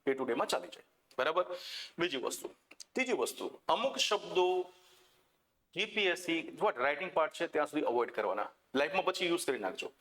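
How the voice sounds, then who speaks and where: Gujarati male exam-prep teacher, lively and coaxing, voice a touch high, classroom lecture. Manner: animated, coaxing and direct, often asking the class questions. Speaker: English teacher for exam coaching.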